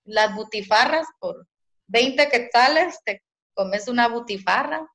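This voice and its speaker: A woman from Zacapa with an eastern Guatemalan accent and a sing-song, expressive way of talking, a guest in an interview. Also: a little high, slow pace. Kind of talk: casual interview.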